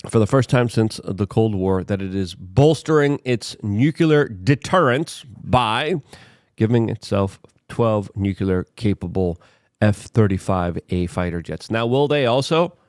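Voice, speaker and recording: Low-voiced man giving emphatic political commentary. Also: lively intonation, a little slow, a little mellow, no echo, studio quality. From Poland. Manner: emphatic, with sudden rises in pitch on key words; hesitant, with frequent filler words and restarts.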